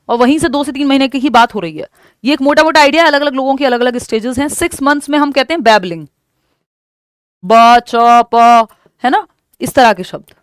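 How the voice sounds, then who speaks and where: A woman's voice: high-pitched, dry recording, studio quality. A woman teacher, explaining exam questions step by step and mixing English terms into her speech. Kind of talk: exam-prep lesson.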